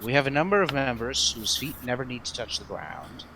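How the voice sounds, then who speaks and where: A man playing a tabletop game, talking in a halting, jokey way. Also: mid-range voice, animated, a crowd in the background, poor audio. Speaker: player.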